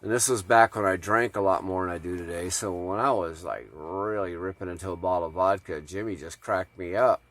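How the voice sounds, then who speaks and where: A man's voice: sits low, brisk, few pauses, fairly bright tone, a little hiss or hum. A man telling a story in a casual, rambling way, with plenty of swearing. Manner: profane, laid-back, rambling. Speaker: off-grid vlogger.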